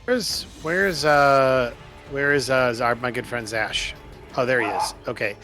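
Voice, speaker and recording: Bright-voiced man planning his moves. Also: medium pitch, soft background music. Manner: thinks aloud, planning tactics, quick bursts. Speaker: player. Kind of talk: playing a tabletop game over a call.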